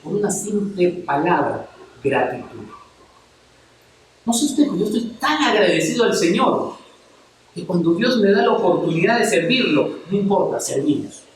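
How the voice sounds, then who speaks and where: Firing rhetorical questions at his congregation, a man delivers a passionate sermon in a high, sing-song voice at normal speed. It's heard from a distant mic in a very echoey church hall, with slight hiss or hum.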